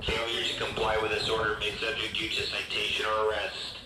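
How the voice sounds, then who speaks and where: A man, a police officer, giving firm, formal riot dispersal warnings blasted through a loudspeaker sound cannon, heard echoing outdoors. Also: on the low side, completely flat delivery, very noisy. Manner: firm, measured, formal commands.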